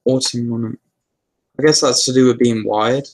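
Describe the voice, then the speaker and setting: A man hosts a laid-back live Q&A, wandering through viewer questions with plenty of fillers and false starts. His voice sits at a medium pitch and moves at a moderate pace.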